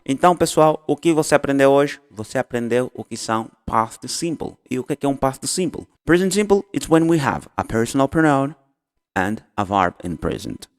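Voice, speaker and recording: Male English teacher, lively pitch, casual and repetitive, recorded with long reverb. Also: clean tone. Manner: explains in Portuguese, models English phrases, repeats and self-corrects. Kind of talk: casual online lesson.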